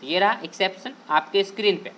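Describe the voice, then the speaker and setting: A man's voice: sits high, fairly bright tone. Man teaching grammar, asking and answering himself. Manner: asks a question and answers it himself, repeats key points; drawls out key words slowly to stress them. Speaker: online English teacher. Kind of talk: explaining a grammar lesson over on-screen slides.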